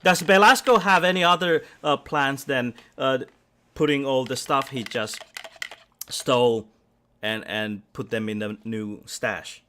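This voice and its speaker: A man's voice: medium pitch, unhurried, bright, forceful tone, slight background noise. A man acting as game master, narrating a tabletop role-playing game in a rambling way with many restarts. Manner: rambling, with frequent restarts and fillers.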